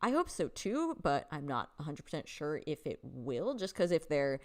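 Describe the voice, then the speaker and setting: A woman's voice: low-pitched, big pitch swings, moderate pace. Chatty woman hosting a live stream. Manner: chatty, filler-heavy, laughs often, reads chat aloud. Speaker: livestream host. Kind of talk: casual chat with live viewers.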